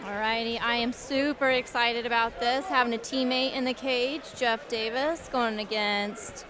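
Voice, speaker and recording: A woman giving casual live fight commentary, reacting excitedly to the action. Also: a little high, unhurried. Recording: noisy live event with crowd.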